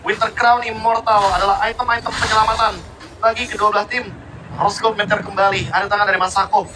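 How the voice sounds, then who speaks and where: A man's voice: high-pitched, little pitch movement, brisk, noisy background. A man analysing a live game tournament as commentator, dramatically posing rhetorical questions.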